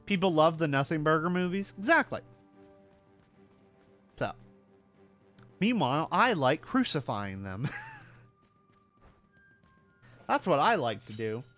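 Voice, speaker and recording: A man's voice: a little high, big pitch swings, a little slow, pauses often, fairly bright tone, soft background music. A male streamer chatting casually while playing, ranting with swearing and self-mocking jokes. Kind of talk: casual gaming stream chat.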